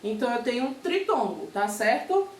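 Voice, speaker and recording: A woman's voice: a little high, very animated, moderate pace, slight background noise. A Brazilian woman teaching a remote primary school lesson, patiently spelling out examples and checking in with her pupils. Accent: Brazilian Portuguese. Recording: echoey room, far from mic.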